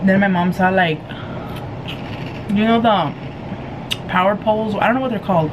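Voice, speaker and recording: A woman telling a story casually to viewers in an animated, giggly way, acting out what people said. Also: mid-range voice, moderate pace, dull audio, noisy background. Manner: giggly, animated retelling with acted-out quotes. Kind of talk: casual storytelling chat to camera.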